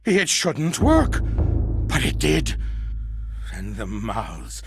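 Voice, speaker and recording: A man playing a half-mad male survivor in a horror monologue, lurching between hushed whispers, manic laughter and shouts. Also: mid-range voice, huge pitch swings, drawn-out words, vocal fry, noisy background, full character voice. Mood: horrified. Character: half-mad male survivor raving about monstrous parasites.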